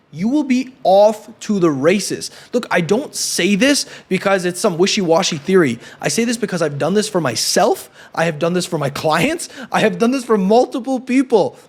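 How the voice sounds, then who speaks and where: High-voiced man coaching with emphatic persuasion. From Canada. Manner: emphatic and persuasive, often adds a questioning "right?". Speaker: YouTube business coach. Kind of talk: direct-to-camera coaching talk.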